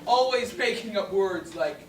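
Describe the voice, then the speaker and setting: A student playing a snide, mocking young playwright in a high school stage comedy, with sarcastic, drawn-out delivery. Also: expressive, natural voice. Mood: smug. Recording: distant stage mic, echoey hall, crowd laughter.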